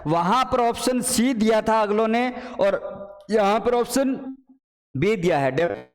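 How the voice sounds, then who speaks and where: A man teaching a playful, animated online Hindi exam class. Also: sits high, slow pace, big-room sound. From Rajasthan. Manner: animated, playful, addresses students as children and brothers. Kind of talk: live online exam paper solution class.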